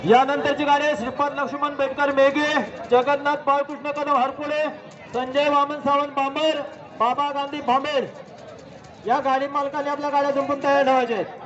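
A man announcing a race live through a public-address loudspeaker outdoors, calling out times and repeating warnings in a steady announcing cadence. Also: extremely high pitch, brisk. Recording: lo-fi loudspeaker sound over a crowd outdoors. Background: large crowd.

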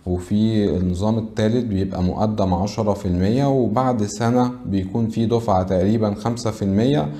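An Egyptian man in his thirties speaks quickly and in a businesslike way. His voice is fairly low and mellow. He runs through figures like a consultant briefing clients to camera. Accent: Egyptian Arabic. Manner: brisk, businesslike, lists figures with frequent "uh" fillers. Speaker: real estate consultant. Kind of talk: informational presentation to camera. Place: indoor studio with backdrop.

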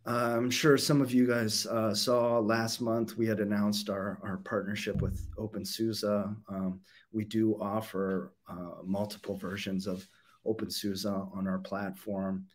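A man's voice: fairly low pitch, little pitch movement, unhurried. Casual young man giving a keynote. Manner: casual, many fillers and restarts. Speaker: company CEO giving a keynote. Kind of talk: conference presentation. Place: home or office room. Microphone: webcam video call.

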